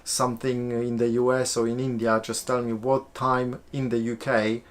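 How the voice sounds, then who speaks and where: A Polish man with a Polish accent hosts a live stream, answering viewer questions in a loose, chatty way full of fillers and restarts. His voice sits at medium pitch with little pitch movement and a normal speed. He is sweating in a warm room.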